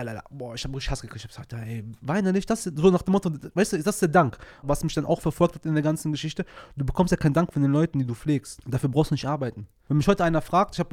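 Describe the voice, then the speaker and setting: A man's voice: on the high side, no room sound, clean studio sound. A man who is a former care worker, telling stories in a casual chat with slangy, emphatic speech. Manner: slangy and emphatic, often says "bro"; animated storytelling with many restarts.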